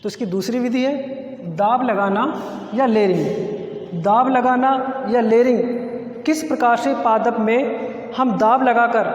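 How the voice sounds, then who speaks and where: A man's voice: very high voice, highs cut off. A man teaching a biology lesson in Hindi with a Rajasthani accent, explaining step by step and asking and answering his own questions at a classroom board. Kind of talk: classroom lecture. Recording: echoey room with long reverb.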